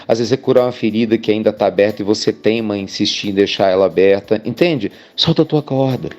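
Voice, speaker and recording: A man's voice: lowish voice, fast, darkish tone, muffled recording. A man, a spiritual speaker telling an inspirational story in a chatty way. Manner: chatty, addresses listeners as "gente" with frequent "né".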